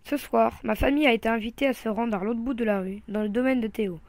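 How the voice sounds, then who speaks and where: A woman reading a comic children's novel aloud in the first person, with lively storytelling. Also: a little high, fast, no echo.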